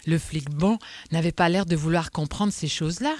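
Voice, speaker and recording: A narrator reading a novel aloud in a wry, measured way. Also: mid-range voice. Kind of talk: audiobook narration.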